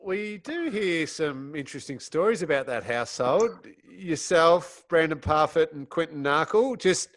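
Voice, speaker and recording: A man's voice: on the high side, lively intonation, unhurried, hardly any pauses, a bit bright, no echo. An Australian man hosting a casual podcast chat, teasing his guests. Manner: cheeky, teasing. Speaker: podcast host.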